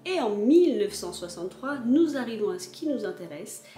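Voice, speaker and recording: A woman's voice: on the high side, big pitch swings, fairly quick, dark tone, faint music behind. Chatty woman vlogger in an echoey room. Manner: chatty, explaining with frequent fillers. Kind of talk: casual video explainer.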